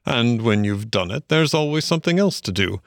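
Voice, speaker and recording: A man's voice: medium pitch, animated, brisk, creaky, no echo, clean studio sound. A man doing a genial, dreamy water rat. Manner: warm, solemn, enthusiastic. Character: genial, dreamy male water rat who loves boating. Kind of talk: storybook reading.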